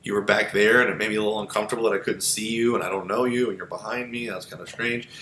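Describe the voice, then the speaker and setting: A man's voice: lowish voice, steady tone, racing, pushed and bright, reverberant, slight background noise. A man voicing a nervous male study participant who rambles through his feelings. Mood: uneasy. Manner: rambling, self-reflective.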